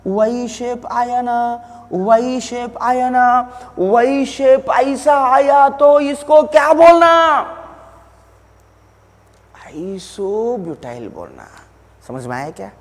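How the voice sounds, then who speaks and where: A high-pitched man teaches chemistry at an unhurried pace, quizzing his students and repeating each point. He scolds them with affection. His voice rings with a long hall reverb. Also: darkish tone. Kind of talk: classroom lecture.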